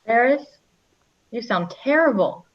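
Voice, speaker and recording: Fussing, doting father read by a woman in a table read; gentle, muffled recording. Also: a little high, lively intonation, unhurried. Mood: caring. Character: doting middle-aged father. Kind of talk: unrehearsed script read-through. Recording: dull lo-fi recording.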